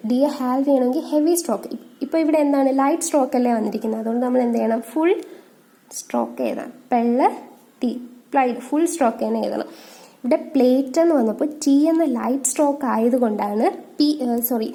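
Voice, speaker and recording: A woman's voice: high voice, mellow. A woman teaching shorthand, asking questions and answering them herself. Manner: asks questions and answers them herself, reads rules slowly. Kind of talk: explanatory lesson.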